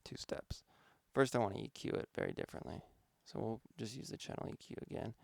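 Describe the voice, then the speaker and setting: Gravelly-voiced man explaining mixing. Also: lowish voice, quick pace, no echo. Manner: relaxed, thinking aloud with fillers. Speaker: music producer teaching mixing. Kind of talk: casual instructional walkthrough.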